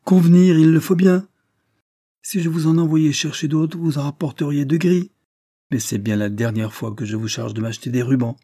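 A man reading aloud who voices a sharp-tongued, gossiping French lady's maid in a raised, mocking voice. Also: medium pitch, level tone, fairly quick, no echo, studio quality, pitched above the performer's own voice, close to an everyday voice. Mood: scolding. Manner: tart, mocking.

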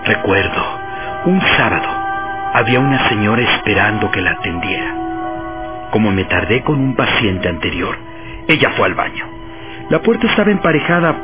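Actor as an animated, suspenseful male storyteller. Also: lowish voice, close to an everyday voice. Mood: grave, suspenseful. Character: earnest male professor telling an eerie ghost story. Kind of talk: radio horror drama acting. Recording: tinny narrowband radio drama under loud music.

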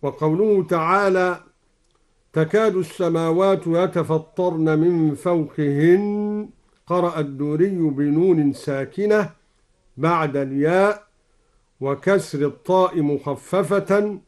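A man from Egypt, a Quran recitation scholar, explaining reading variants in a measured voice and chanting each example melodically. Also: fairly high pitch, darkish tone. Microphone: broadcast studio microphone.

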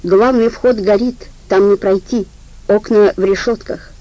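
A woman's voice: medium pitch, steady tone, unhurried, dark tone, close to an everyday voice, rough recording. A woman doing a terse grim guard. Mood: terse reporting. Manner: terse, matter-of-fact. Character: grim armed male guard reporting to his boss.

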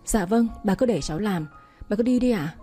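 A woman's voice: mid-range voice, expressive, brisk, warm tone, husky, soft background music. A woman voicing a clumsy, eager young woman who runs a company. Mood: flustered. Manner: flustered, pleading.

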